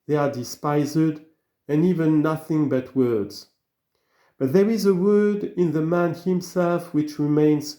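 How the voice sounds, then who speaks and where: A man giving a slow, earnest reading of an old sermon, full of rhetorical questions. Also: a little high, dark tone, reverberant. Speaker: reader of sermons.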